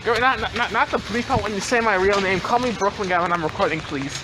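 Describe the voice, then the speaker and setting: A young man with a strikingly high voice talks casually to his vlog, exclaiming and swearing as he goes. He is recorded outdoors, with clear rain and street noise around him. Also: fast. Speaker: vlogger. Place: outdoors in a rainstorm. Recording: noisy outdoor rain and traffic ambience.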